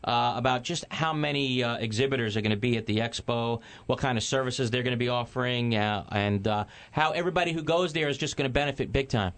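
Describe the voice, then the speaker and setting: Guy hosting a radio call-in show, medium pitched voice, talking to listeners. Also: fast talker, few pauses, a bit bright. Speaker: radio host, attorney.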